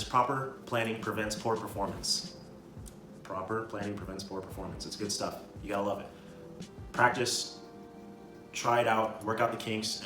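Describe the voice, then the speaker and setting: In a roomy, echoing space with music behind him, a man speaks quickly in a lowish voice, some way from the microphone. He's a video creator giving self-improvement advice to camera, casual, emphatic and slangy, circling back to hammer his points home.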